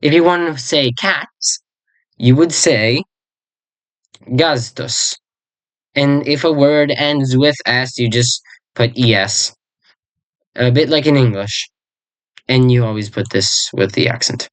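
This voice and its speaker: This is a relaxed lesson on a constructed language, delivered by someone with a mid-range voice who wanders off track, searches for the right words, corrects themselves, and slowly repeats vocabulary. The audio has no echo.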